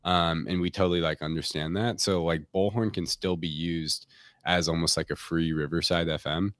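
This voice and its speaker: Joining an interview remotely over a live stream call, a tech company guest discusses the product informally, peppering his explanations with "like" and "kind of." His voice is low-pitched and fairly bright, with fairly even intonation and a moderate pace. The audio is clean studio sound with no echo.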